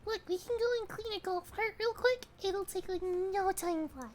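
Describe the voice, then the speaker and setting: A woman's voice: normal speed, darkish tone, slight background noise. A woman voicing a shy, cutesy little anime girl, chatting casually like a cute streamer on a game livestream. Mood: playful, pleading. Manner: cute anime streamer, squeaky-sweet and bashfully apologetic. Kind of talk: casual livestream chat while gaming.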